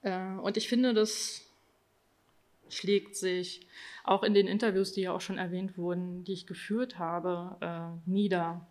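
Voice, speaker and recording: A woman presenting her own research in an academic talk, reading from slides and often pausing on filler sounds. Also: on the low side, steady tone, a little mellow. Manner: hesitant, frequent filler sounds between phrases.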